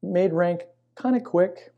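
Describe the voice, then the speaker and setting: A middle-aged man, a chaplain being interviewed, telling personal stories in a reflective, conversational way with pauses mid-phrase. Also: high voice, vocal fry, narrow, tinny audio. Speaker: military chaplain and pastor, interview guest. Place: inside a church.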